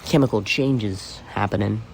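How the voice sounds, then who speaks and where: A man's voice: lowish voice, measured pace, gravelly, slight background noise. A man talking in a loose, rambling solo monologue, swearing freely and leaning on "you know" fillers. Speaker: podcast host.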